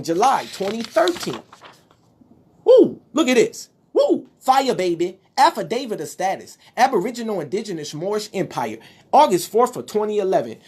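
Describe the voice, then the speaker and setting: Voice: mid-range voice, a little mellow, husky. Impassioned speaker, preachy and emphatic. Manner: preachy, emphatic, exclaims at times. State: out of breath. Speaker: speaker addressing followers. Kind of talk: impassioned monologue showing documents.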